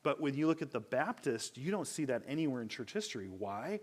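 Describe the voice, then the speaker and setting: A man teaching a Bible class at church in a relaxed, conversational way, asking rhetorical questions and often correcting himself mid-sentence. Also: medium pitch, a little fast.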